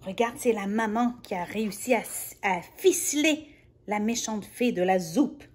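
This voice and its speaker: A woman reading a picture book aloud to a child, gentle and playful, dropping into soft whispered asides. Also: medium pitch, normal speed. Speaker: children's storyteller.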